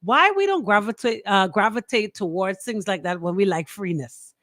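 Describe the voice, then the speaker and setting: A radio host with a Bahamian accent banters colloquially and emphatically, repeating phrases for effect and giving sponsor shout-outs. Her medium-pitched voice is fairly bright with lively intonation at normal speed, in a clean, dry studio recording.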